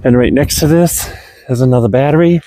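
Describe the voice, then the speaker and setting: A man's voice: medium pitch, fairly quick, dark tone, no echo. A man hosting a casual outdoor walkthrough of an old fort, chatty, often saying um and talking to viewers as folks and guys, a little out of breath. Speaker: host exploring an old fort.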